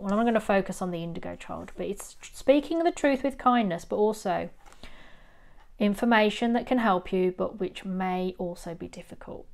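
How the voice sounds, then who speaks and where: Gentle woman reading tarot. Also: mid-range voice. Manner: gentle, encouraging, rambling with ums. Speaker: tarot reader. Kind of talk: pick-a-card tarot reading.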